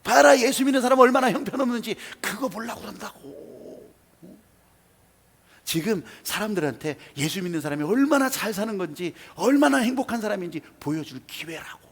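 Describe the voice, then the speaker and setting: A male pastor preaching a sermon in a church, telling a story with animated, emphatic asides. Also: high-pitched, brisk, breathy edge. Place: church sanctuary. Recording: reverberant church hall.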